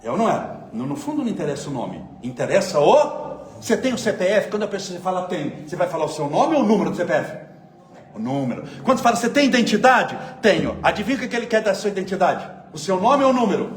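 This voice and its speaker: Animated man lecturing in an echoey hall. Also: high-pitched, fast talker. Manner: conversational, animated storytelling with rhetorical questions. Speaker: spiritist lecturer. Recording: echoey room, faint ambient noise.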